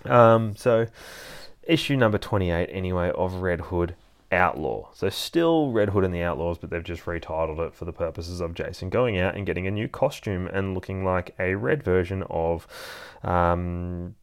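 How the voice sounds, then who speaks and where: An Australian man with a low voice hosts a podcast in an informal review style. He is excitable and swears freely as he chats from a bedroom. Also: normal speed, clear, resonant tone. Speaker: podcast host. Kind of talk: casual comic book review. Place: bedroom used as a studio.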